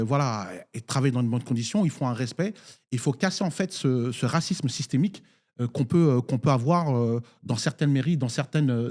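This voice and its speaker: A man's voice: medium pitch, dark tone. A man from Nigeria, a municipal councillor speaking in a political debate, hesitant with many fillers and restarts.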